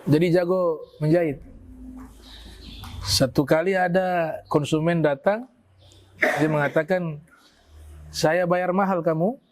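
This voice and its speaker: A male preacher with a North Maluku Malay accent, telling religious stories in a lively, animated way and acting out the characters' speech. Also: sits high. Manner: animated storyteller, acts out quoted speech. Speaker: Islamic preacher. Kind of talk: storytelling religious talk.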